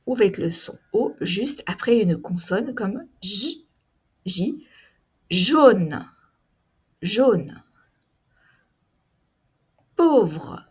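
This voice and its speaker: A woman teaching pronunciation, saying each word slowly and carefully, repeating it, and explaining the spelling directly to her learners. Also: medium pitch, slightly rough. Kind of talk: pronunciation lesson.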